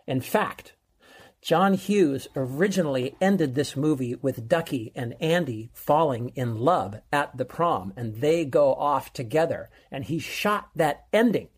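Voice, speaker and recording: A man's voice: medium pitch, animated, unhurried, breathy edge. A man co-hosting a casual chat, jokey and chatty, laughing often. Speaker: co-host.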